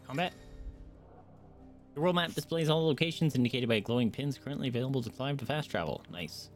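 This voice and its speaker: Brisk and lively, a man with a mid-range voice gives casual commentary while streaming a video game, video game music in the background. He mumbles to himself, reading the on-screen text aloud.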